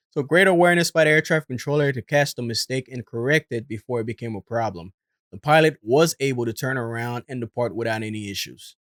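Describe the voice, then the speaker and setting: A man's voice: medium pitch, a bit bright, no echo, clean studio sound. A man hosting and giving explanatory voice-over commentary. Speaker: host and commentator.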